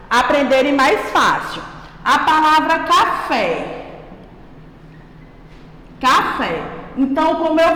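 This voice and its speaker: A primary school teacher with a Brazilian Portuguese accent and a slightly high voice gives children a slow, patient grammar lesson. She calls herself "a tia" and checks in with "certo?" as she goes. The room is echoey, with long reverb.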